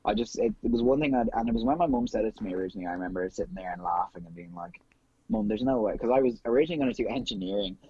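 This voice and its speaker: A man's voice: on the low side, rapid-fire, hardly any pauses, dark tone, slightly rough, dull audio. A young Irish man in his twenties, a nurse guest, chatting casually on a podcast in a rambling way. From Ireland.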